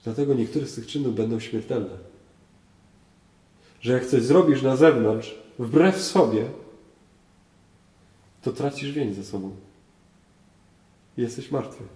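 A man's voice: medium pitch, slow, pauses often, mellow. A man, a priest, teaching a group, often asking his listeners questions and repeating phrases for emphasis. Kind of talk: teaching talk on faith. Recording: roomy echo, voice from far off.

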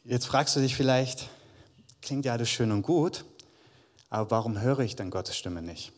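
In a church hall with long reverb, a male preacher delivers a conversational sermon to his congregation and reads Bible verses aloud. His voice is medium in pitch and his pace moderate.

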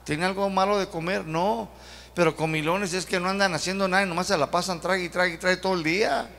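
A man with a Mexican accent preaching a sermon as pastor, in a folksy, drawn-out way with rhetorical questions to the congregation. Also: sits high, steady tone, creaky, a bit bright. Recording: long reverb of a church hall.

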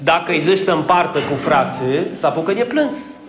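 A man's voice: a little high, lively intonation, echoey room, crowd noise. A man preaching a conversational sermon, joking and asking the congregation questions.

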